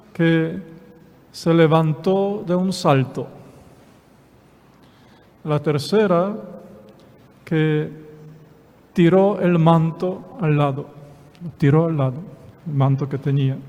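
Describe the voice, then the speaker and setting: A man preaching a Sunday Mass homily as a priest, slow and repetitive, asking rhetorical questions. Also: fairly high pitch, a little mellow. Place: church. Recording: long church reverb.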